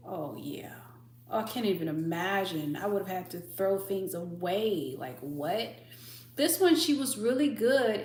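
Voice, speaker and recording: A woman hosting a livestream, chatting casually and telling stories animatedly, acting out voices as she goes. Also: medium pitch. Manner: animated storyteller who acts out voices. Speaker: livestream host. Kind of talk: casual chat. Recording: echoey room with faint hum.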